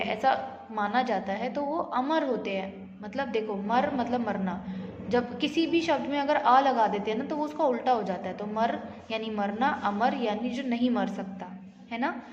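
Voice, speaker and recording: A woman teaches a grammar lesson, posing questions to her students and answering them herself while mixing in English words. Her voice is on the high side and unhurried. The room is echoey and the audio slightly dull.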